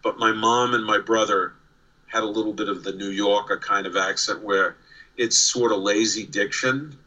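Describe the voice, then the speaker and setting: A man in his sixties, a New Yorker with a light accent, is interviewed over a video call and tells casual stories, restarting often and repeating words. He speaks at a moderate pace in a lowish, bright, forceful voice with fairly even intonation. The recording over the remote call is rough.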